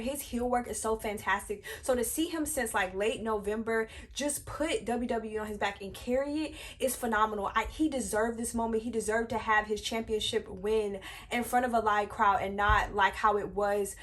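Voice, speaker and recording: Young woman fangirling over wrestling, kinda high voice, lots of um and y'all, close mic. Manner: animated, addresses viewers as y'all, many fillers. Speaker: wrestling review vlogger. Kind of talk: excited casual wrestling recap.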